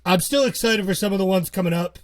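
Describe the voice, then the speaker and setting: A man's voice: high voice, quick pace, no room sound. A man co-hosting a podcast, chatting casually and joking, often searching for words as he talks. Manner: playful, jokey, searches for words aloud. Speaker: podcast co-host. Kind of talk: casual chat.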